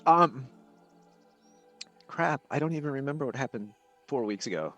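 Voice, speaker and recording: A man's voice: medium pitch, lively intonation, moderate pace, fairly bright tone, faint music behind, poor audio. A man playing in a tabletop game, joking and playful with the group. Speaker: player. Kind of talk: casual tabletop game chat.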